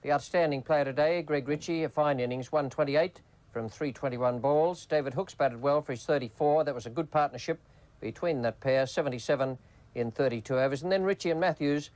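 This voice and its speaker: A man's voice: a little high, a little fast, a little mellow, low-quality recording. A man giving cricket commentary and summing up play in a broadcast. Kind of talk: live sports commentary and summary. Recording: archive cricket broadcast over crowd noise. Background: stadium crowd.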